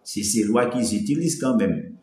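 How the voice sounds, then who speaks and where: Rambling through a casual live stream, this French Antilles man greets his viewers one by one, and his light voice cracks whenever he strains it. He speaks at a normal speed with a medium pitch and dark tone, and the room gives an echoey sound.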